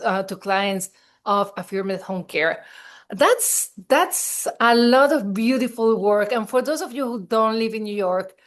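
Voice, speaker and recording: Enthusiastic woman podcast host. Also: mid-range voice. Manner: enthusiastic, admiring introductions. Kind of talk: interview podcast.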